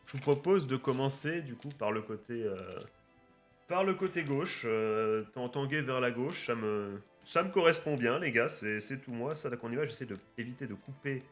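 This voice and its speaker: An excitable man talking straight to his viewers as he rips open card packs, mid-pitched and prone to cheerful swearing. His chat is loose and rambling. Soft music plays faintly underneath. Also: moderate pace. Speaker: card-opening YouTuber. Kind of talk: casual unboxing commentary. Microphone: webcam setup at a desk.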